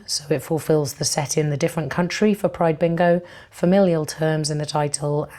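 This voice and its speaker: A woman reviews books in a casual vlog, rambling with plenty of ums. Her low voice is breathy and fading, as if she is losing it. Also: darkish tone. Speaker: book vlogger.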